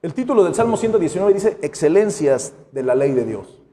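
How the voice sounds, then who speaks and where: A pastor preaches a sermon in a casual, conversational way, slipping into the voices of the figures he quotes. His voice sits high and swings widely in pitch. The sound carries the long reverb of a church hall. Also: big pitch swings, a little fast, warm tone. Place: church sanctuary.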